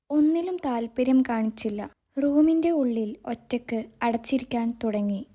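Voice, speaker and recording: High-voiced woman telling a story. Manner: steady, plain storytelling. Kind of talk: scripted narration.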